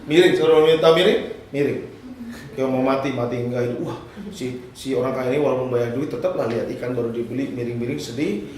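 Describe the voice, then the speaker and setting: A man preaching a lively, humorous sermon and drawing responses from his congregation. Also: medium pitch, fast talker. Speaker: pastor. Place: church hall. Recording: echoey hall, mic at a distance.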